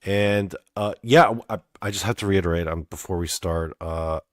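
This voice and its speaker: Low-voiced halting comedy show host. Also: male voice, no room sound, studio quality. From Canada. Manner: halting, awkward, heavy on fillers.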